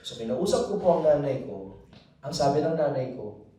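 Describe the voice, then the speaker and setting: A man with a Filipino accent giving a personal faith testimony to a live audience, animated, switching between Tagalog and English and prompting the crowd to respond. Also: on the high side, moderate pace, heavy background noise. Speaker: faith talk speaker. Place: large hall with a live audience. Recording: very echoey hall, voice from a distant mic.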